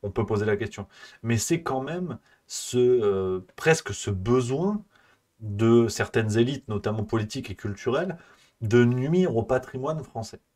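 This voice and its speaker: A man's voice: medium pitch, lively intonation, a little slow, warm tone. A man hosting a live stream, ranting in a casual satirical way, rambling and mocking with many hesitations.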